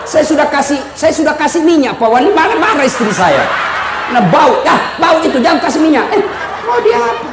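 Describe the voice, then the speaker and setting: A man preacher giving a lively, teasing sermon to a live audience, speaking to them directly. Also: extremely high pitch, moderate pace, crowd noise. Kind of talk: humorous sermon. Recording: echoey hall with faint room noise.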